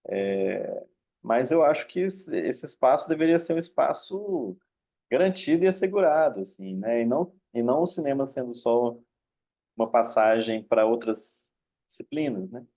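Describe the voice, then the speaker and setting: A man's voice: mid-range voice, lively intonation, moderate pace, gravelly, warm tone. A man mediating an online discussion, speaking thoughtfully and hesitantly and often ending his sentences with tag questions.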